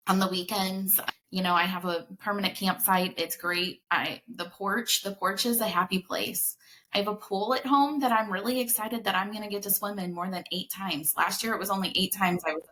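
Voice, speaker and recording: A woman's voice: medium pitch, fairly even intonation, moderate pace, bright, forceful tone. A woman in her early forties, a podcast guest chatting casually and upbeat about her life. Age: 40s. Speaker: podcast guest, senior care advocate. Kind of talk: casual chat.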